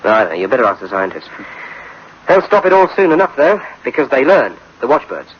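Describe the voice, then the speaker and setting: In 1960s-style radio drama acting, a man voices a folksy police captain whose explanations ramble in a hesitant, repetitive, colloquial way. His medium-pitched voice is very animated, a little fast, and close to an everyday voice, heard on a muffled old recording with slight background noise.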